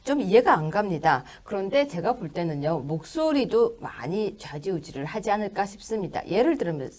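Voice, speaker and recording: A middle-aged woman hosting a political talk show, talking in an animated way with quick asides and frequent laughter. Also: medium pitch. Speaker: host.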